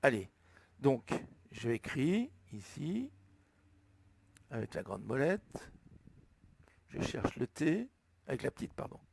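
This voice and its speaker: A man with a French accent slowly explaining, step by step, how to enter a flight plan, thinking aloud as he goes. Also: mid-range voice, big pitch swings, vocal fry, a little mellow, husky. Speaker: flight sim tutorial maker. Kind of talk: screen-recorded tutorial narration.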